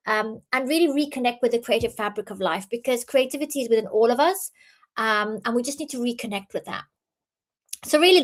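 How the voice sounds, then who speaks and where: A young woman from Iran, raised in the UK, gives a talk presentation on innovation in a voice pitched a touch high. She explains her ideas earnestly, stumbling over restarts and leaning on filler ums.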